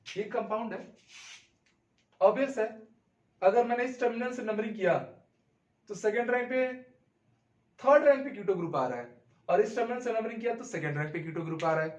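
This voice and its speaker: A man's voice: high voice, lively intonation, a little fast, pauses often, echoey room, recorded from a distance, highs cut off. A man teaching a chemistry lesson in Hindi with terms, explaining step by step and often addressing "dear students.". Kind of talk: classroom lecture at a board.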